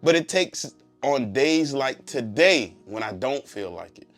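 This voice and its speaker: Male motivational preacher, mid-pitched, slightly congested, insistent repeated phrases and rhetorical questions, music underneath. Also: animated, unhurried, a bit bright. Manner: emphatic repetition and rhetorical questions. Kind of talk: motivational speech, faith testimony.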